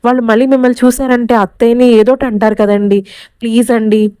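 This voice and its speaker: A woman reading the lines of a caring young wife who gently coaxes her husband to eat. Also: fairly high pitch, flat delivery, a little fast, smooth, dry recording, close to an everyday voice. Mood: coaxing. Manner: coaxing, soothing.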